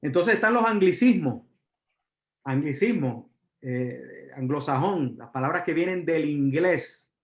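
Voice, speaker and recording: A man from Puerto Rico with a Puerto Rican accent, giving a live university lecture, pausing on fillers and asking the audience questions. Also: on the high side, expressive. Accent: Puerto Rican Spanish. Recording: roomy, dull lecture recording.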